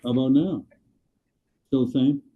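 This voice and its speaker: A man's voice: medium pitch, moderate pace, slight background noise. A man from airport staff explaining an item at a meeting over a remote computer call, his voice muffled and underwater-sounding, as if heard through a wall, in a plain, matter-of-fact way with some hesitations. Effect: muffled, underwater-sounding remote call audio. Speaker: airport staff reporting to a county commission. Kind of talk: meeting business talk. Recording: muffled tinny call audio.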